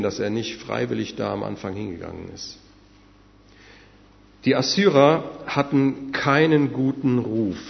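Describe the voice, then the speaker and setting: A man's voice: mid-range voice, gravelly. A man preaching a sermon in an earnest way, speaking directly to his listeners. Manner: earnest, addresses listeners directly, some fillers. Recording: dull sound with long hall reverb.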